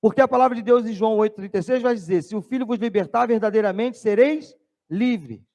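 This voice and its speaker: High-voiced preaching pastor. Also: male voice, rapid-fire, vocal fry. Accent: Brazilian Portuguese. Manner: animated preaching, drops voice low to tell stories. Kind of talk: sermon.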